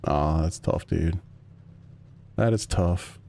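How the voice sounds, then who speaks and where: A man's voice: sits low, slow pace, vocal fry, dark tone. A man streaming a sim racing game, chatting casually with his chat while he drives. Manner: laid-back, rambling, answers chat.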